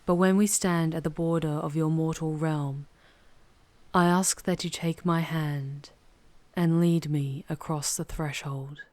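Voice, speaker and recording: In a low, velvety, dark voice, a woman portrays a proud, ancient demoness, speaking in deliberate, formal phrases that are teasing and charming yet commanding. This scripted ASMR roleplay audio drama is intimate and completely dry with no room sound. Her tone stays steady, and the mood is solemn and bargaining.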